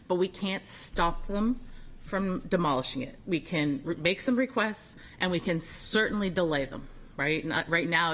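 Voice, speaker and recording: A woman's voice: fairly low pitch, a bit bright, slight background noise, poor audio. Conversational woman explaining at a board meeting. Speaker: board member. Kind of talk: public meeting remarks.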